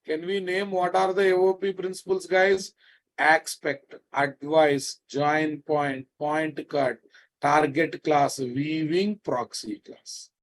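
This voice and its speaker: On a low-quality recording, a man with a Telugu Indian accent teaches programming live, slowly and flatly, his voice a little high. He repeats phrases and checks on students with familiar, prodding, scolding questions.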